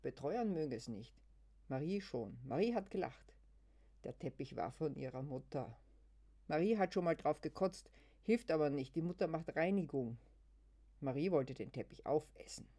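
Reader doing a cheeky young care-home woman, loud and blunt, choppy short sentences. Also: medium pitch, lively intonation, moderate pace, husky. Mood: chatty.

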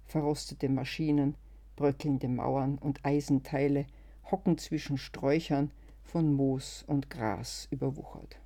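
A narrator reading a first-person story aloud in a calm, measured, descriptive way. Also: mid-range voice.

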